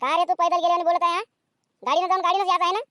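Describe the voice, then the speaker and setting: A woman voicing a sharp-tongued, nagging village mother in a cartoon comedy. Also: extremely high pitch, fairly even intonation, no room sound, studio quality. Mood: scolding. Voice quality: nagging, scolding, rapid-fire.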